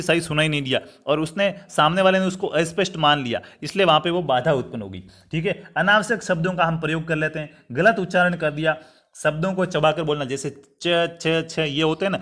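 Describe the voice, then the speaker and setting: A man's voice: on the high side, fairly bright tone. Man teaching an exam-prep class. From Rajasthan, India. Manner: repetitive, explanatory, addresses students as friends. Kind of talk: online exam-prep lecture.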